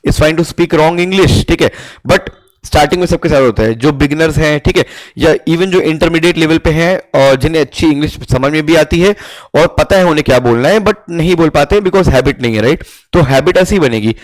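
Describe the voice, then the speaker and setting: A young Indian man teaching spoken English in a casual mix of Hindi and English, reading English phrases slowly and often checking in with "theek hai?". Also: medium pitch, poor audio. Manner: conversational, keeps asking "theek hai?"; reads English lines slowly, explains in Hindi. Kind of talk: Hinglish teaching monologue.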